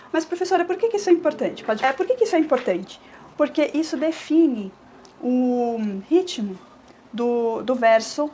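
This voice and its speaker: A Brazilian woman teacher records a review lesson for her students. Her voice sits a little high, and she explains step by step, often stopping to check that they follow. She slows down to draw out syllables when she counts verse. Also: a little mellow. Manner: stretches words when scanning verse.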